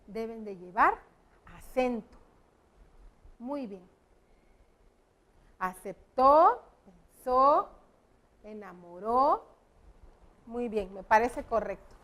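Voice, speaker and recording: Female teacher, children's TV lesson; high, unhurried, step-by-step explanations. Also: a bit bright. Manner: patient, explains spelling rules step by step to children. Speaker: primary school teacher. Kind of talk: educational TV lesson. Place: TV classroom set with a whiteboard.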